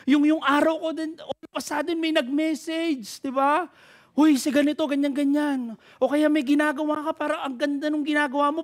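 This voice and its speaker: A Filipino pastor preaching energetically, calling out to his congregation and switching freely between Tagalog and English. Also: extremely high pitch. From Philippines. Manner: energetic preaching with repeated call-outs to the congregation. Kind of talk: sermon. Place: church.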